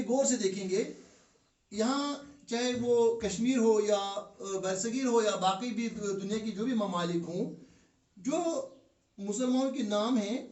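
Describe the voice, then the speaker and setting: A man with a Kashmiri accent teaching Arabic grammar in a classroom lesson, drilling word pairs slowly with fillers. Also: high-pitched, a little mellow. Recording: echoey room, from far off.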